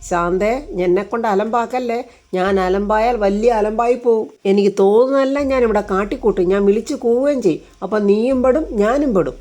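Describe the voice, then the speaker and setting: A woman's voice: on the high side, dark tone, close to an everyday voice. A woman voicing a scheming man who bullies and threatens in harsh, bossy lines. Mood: threatening. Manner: harsh, bossy, rapid reading.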